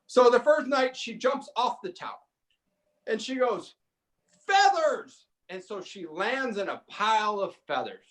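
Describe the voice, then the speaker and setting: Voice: mid-range voice, animated, moderate pace, fairly bright tone. A speaker hosting a jester act at a live court event, telling a playful story and laughing heartily at the jokes. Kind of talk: live court entertainment banter.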